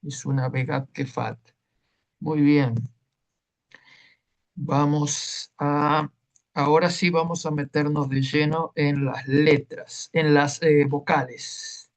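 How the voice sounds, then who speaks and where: A man's voice: a little high, creaky. A man teaching a Hebrew class online, explaining patiently and checking in with listeners as he goes.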